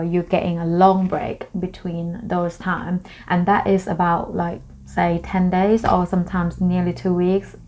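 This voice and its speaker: A woman's voice: fairly low pitch, a little mellow. A young woman from Thailand, a native Thai speaker, chatting casually to camera in a vlog, explaining things in a friendly way with plenty of fillers. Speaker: vlogger.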